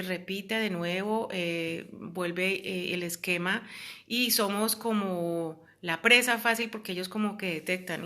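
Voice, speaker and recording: Bright-voiced earnest woman. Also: fairly low pitch. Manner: earnest, with many fillers and quoted voices. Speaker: host. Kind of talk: casual talk about psychological abuse.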